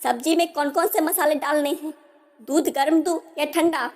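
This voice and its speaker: A woman's voice: high voice, fairly even intonation, normal speed, lightly acted. A woman voicing a polite, dutiful young newlywed daughter-in-law in a storybook tale. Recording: long hall reverb.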